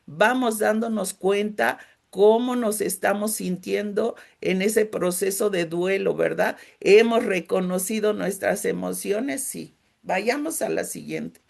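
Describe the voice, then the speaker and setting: Middle-aged Mexican woman with some gravel in her voice. Gentle, emotional group leader for a faith-based grief talk. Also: medium pitch. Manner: gentle, emotional, addresses listeners directly with frequent checks.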